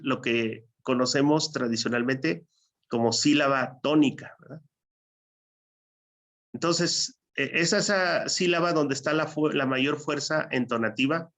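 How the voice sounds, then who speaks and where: A man's voice: on the high side, a bit bright. A Purépecha-speaking man, lecturing a class in an explanatory way and checking with students as he goes. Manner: explanatory, asks the class to follow. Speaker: teacher.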